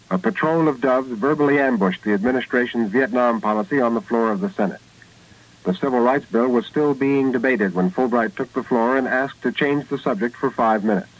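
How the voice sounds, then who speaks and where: A man's voice: mid-range voice, rough recording. An American man reading a scripted radio news report as a correspondent.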